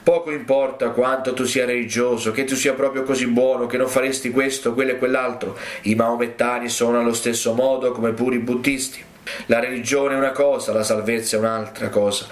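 A man's voice: medium pitch, flat delivery, fairly quick. A male preacher delivering a fervent, exhorting sermon to his congregation. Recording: roomy echo.

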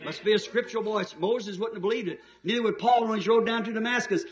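A man's voice: sits high, a little fast, echoey room, lo-fi sound. A man preaching a sermon with emphasis, telling the story in a folksy way.

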